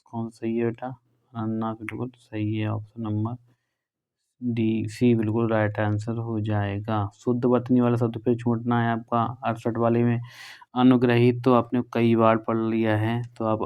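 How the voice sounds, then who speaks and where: A male teacher from northern India going through exam questions in a brisk, conversational way, drawing out the key words. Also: medium pitch, clear, resonant tone, highs cut off. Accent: Hindi, northern India.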